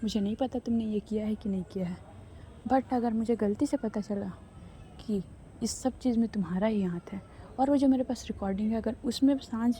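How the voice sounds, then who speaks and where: A woman voicing a young woman who pleads with her partner and then sternly warns her, in a low, mellow voice. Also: a little hiss or hum, lightly acted.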